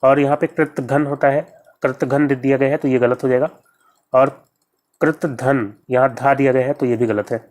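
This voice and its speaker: A man coaching students through exam questions in a steady, methodical way. He pauses to spell words out and says each correct answer more than once. His pitch sits in an ordinary middle range. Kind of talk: exam-prep grammar lesson.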